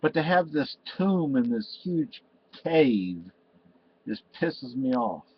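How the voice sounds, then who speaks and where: An older Spanish man, a vlogger, rambles emotionally to the webcam in front of him from a cluttered room at home, restarting often and saying "you know" a lot. His husky, mid-range voice swings widely in pitch and moves slowly. The webcam audio is slightly dull and lo-fi.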